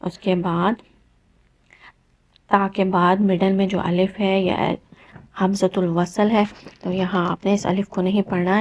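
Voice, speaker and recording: A woman gives a step-by-step recitation lesson in an even, level voice with a gravelly edge. She walks through each rule patiently and repeats the instructions so learners can follow. Her delivery stays calm and methodical throughout. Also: medium pitch. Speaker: Quran recitation teacher.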